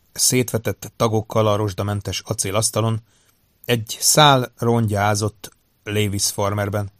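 A man reading an audiobook crime story as narrator, in a steady, even-toned way. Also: lowish voice, dry recording, clean studio sound. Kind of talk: scripted narration.

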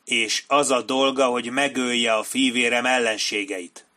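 A man's voice: medium pitch, steady tone, bright, forceful tone, close to an everyday voice. A man voicing a fierce, stern prince who barks orders and hisses threats. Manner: hissing, commanding.

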